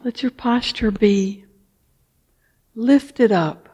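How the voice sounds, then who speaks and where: A woman guiding a meditation in a soft, unhurried voice, leaving long pauses and sometimes easing into a whisper. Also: a little high, husky. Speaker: meditation teacher. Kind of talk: guided meditation.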